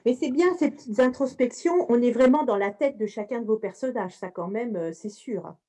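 A woman's voice: fairly high pitch, lively intonation, moderate pace, warm tone. A woman moderating a literary panel, speaking with frequent hesitations. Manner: hesitant, many fillers.

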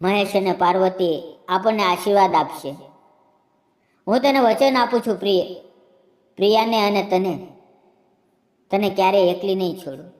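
A woman's voice: medium pitch, normal speed, long pauses, a little mellow, natural voice. A woman voicing a tender, poor widowed father in an emotional storybook narration. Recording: echoey room, long reverb.

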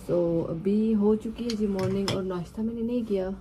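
A Pakistani woman in her thirties chats casually to camera for a travel vlog, mixing in English words, inside a hotel apartment room. Her voice is medium-pitched and dark, at a moderate pace. The phone recording it is placed at a distance, and there's slight background noise.

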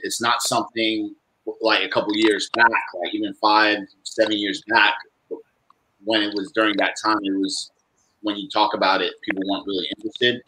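A man talks casually from a room at home, sitting close to his camera on a video call. His voice is lowish but bright. A faint hiss sits under it. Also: poor audio. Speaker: fitness trainer. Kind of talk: video call panel discussion.

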